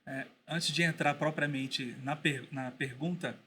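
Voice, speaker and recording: A man speaking as a podcast guest and teacher, telling a story in a thoughtful way with pauses and restarts. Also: fairly high pitch, steady tone, pushed and bright, slight background noise. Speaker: guest, Bible school teacher. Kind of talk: casual podcast conversation.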